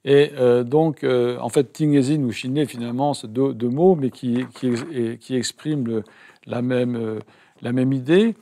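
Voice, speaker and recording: Gravelly-voiced man interpreting hesitantly. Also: mid-range voice, normal speed, mellow. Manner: hesitant, many fillers and self-corrections. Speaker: interpreter for a meditation teaching. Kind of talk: live consecutive interpreting.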